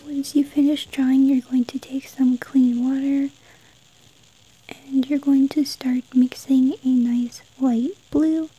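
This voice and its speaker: A woman narrating an art tutorial step by step in a soft, breathy whisper. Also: high-pitched, flat delivery, takes it slowly, soft background music, rough recording.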